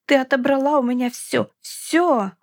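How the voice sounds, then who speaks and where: A woman reading an audiobook, voicing a bitter young woman who shouts in desperate fury. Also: high voice, a little slow, no room sound, clean studio sound, voice pushed up. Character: furious young woman seeking revenge. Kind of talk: audiobook character voice.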